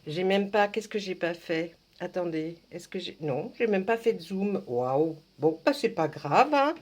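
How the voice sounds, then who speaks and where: A woman's voice: on the low side, lively intonation, unhurried, a little mellow. A woman reading tarot cards for her viewers, chatting casually, joking and talking to herself as she shuffles. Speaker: tarot card reader.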